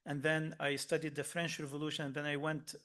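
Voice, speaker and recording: A man's voice: a little high, little pitch movement, fairly quick, fairly bright tone. Earnest man speaking from Lebanon, many hesitations. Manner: frequent fillers and restarts, earnest. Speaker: workshop speaker. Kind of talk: hesitant spontaneous talk.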